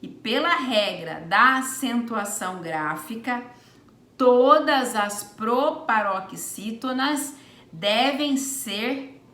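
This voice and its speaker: A woman's voice: a little high, pushed and bright. A woman teaching a Portuguese grammar lesson, explaining step by step and drawing out each example word. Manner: deliberate, stretches out example words. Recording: echoey room.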